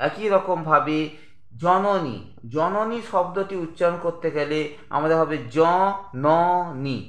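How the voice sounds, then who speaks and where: A man teaching a grammar lesson, explaining slowly and deliberately with examples. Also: a little high, fairly bright tone, echoey room.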